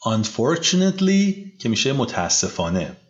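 Male English tutor, animated intonation, slow careful modeling, dull lo-fi recording. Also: mid-range voice. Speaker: English teacher. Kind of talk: bilingual language lesson.

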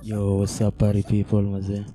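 A man's voice: on the low side, monotone, normal speed, warm tone. A man with a Kenyan accent, a DJ guest chatting casually in street slang. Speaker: DJ, interview guest.

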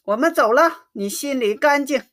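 A woman voicing a stern, angry elderly grandmother who scolds in a trembling, sharp voice. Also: sits high, expressive, normal speed, pitched above the performer's own voice. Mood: scornful.

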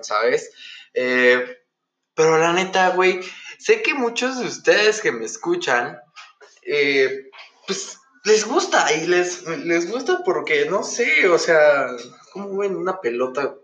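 A man's voice: on the high side, lively intonation, measured pace, a bit bright. An eighteen-year-old man with a Mexican accent hosting a casual, chatty podcast in a campy, sassy, slangy manner. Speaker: podcast host. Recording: dull, echoey room recording.

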